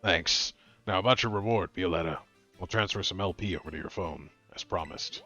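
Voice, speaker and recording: A man voicing a secretive teenage girl boss who hides behind a deep voice-changer voice, speaking slowly and theatrically. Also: pushed and bright, highs cut off, soft background music. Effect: disguised deep voice-changer voice.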